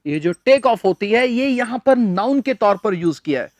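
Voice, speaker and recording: A man's voice: high-pitched, lively intonation, moderate pace, no room sound. A man teaching a spoken English lesson to Hindi speakers, spelling words out letter by letter and drilling their pronunciation.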